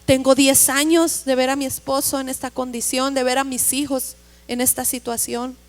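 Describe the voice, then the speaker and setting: A poor, desperate woman speaks in a high voice, as a woman preacher acts her out in a sermon story. Her voice is pleading or scornful, and it echoes in a big church. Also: flat delivery, normal speed, natural voice. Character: desperate poor woman, mocking, then hopeful.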